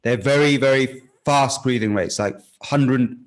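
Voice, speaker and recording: A man teaching breathwork, giving calm step-by-step instructions and often checking in with the listener. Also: medium pitch, measured pace.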